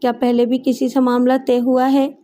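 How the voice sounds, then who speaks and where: A woman voicing a courteous, calm young man in an audiobook story. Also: high voice, moderate pace, lightly acted. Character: polite, composed young man. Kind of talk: audiobook character voice.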